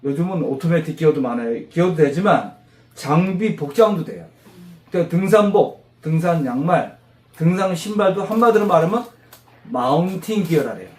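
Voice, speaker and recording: A man teaching English vocabulary to a class of mothers, animated, quizzing them and drilling repetition. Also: fairly high pitch, normal speed. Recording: roomy classroom echo.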